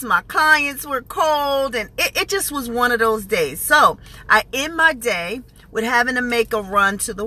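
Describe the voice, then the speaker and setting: Bright, high-voiced woman telling a story. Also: low-quality recording. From New Jersey. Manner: animated, chatty, greets viewers mid-story. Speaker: live streamer talking to viewers. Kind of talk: casual storytelling on a live stream.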